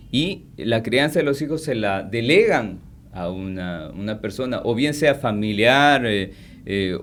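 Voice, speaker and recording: Male guest, lecturing and explanatory, mid-pitched voice. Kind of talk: explanatory talk show discussion.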